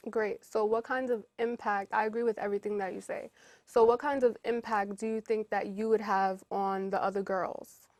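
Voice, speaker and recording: Woman host, encouraging interviewer, middle pitch, dry recording. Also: steady tone, darkish tone, no room sound. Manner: upbeat, encouraging, quick follow-up questions. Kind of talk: casual interview.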